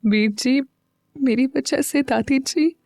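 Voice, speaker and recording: A woman's voice: on the high side, moderate pace, a little mellow, no echo, studio quality, close to an everyday voice. A woman voicing a young woman full of guilt, choked with tears and breaking off mid-sentence. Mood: tearful. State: crying, choked up.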